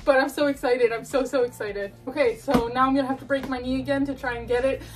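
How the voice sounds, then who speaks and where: Young woman, high voice, excitable and breathless, casual unboxing chat, a little off-mic, faint music behind. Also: fast, recorded from a distance. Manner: excitable, gushing, laughing and breathless. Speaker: collectibles unboxing vlogger.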